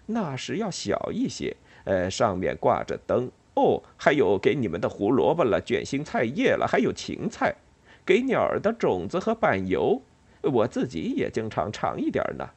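A man voicing a forgetful old male grey squirrel who rambles quickly and wistfully in a storybook reading. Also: mid-range voice, wildly swooping pitch, slightly rough, exaggerated voice.

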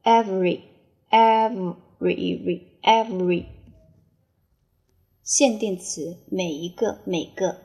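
A woman teaching English vocabulary in Chinese, saying each word three times slowly before giving its meaning. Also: medium pitch, warm tone. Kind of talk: slow word-by-word spelling and dictation drill.

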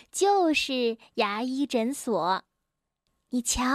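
A woman reads a children's bedtime story aloud, gentle and expressive. Her voice sits very high and she takes an unhurried pace. The recording is dry and close. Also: no room sound.

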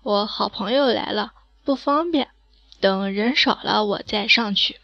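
A woman's voice: mid-range voice, unhurried, creaky, a bit bright, dry recording, muffled recording. A woman voicing a timid schoolgirl boarder who frightens easily and talks in an anxious, pleading way.

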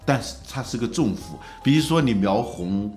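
A man hosting a talk, telling stories in a relaxed conversational way. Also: medium pitch, soft background music. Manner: lively storyteller, slows to recite classical lines. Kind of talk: conversational storytelling.

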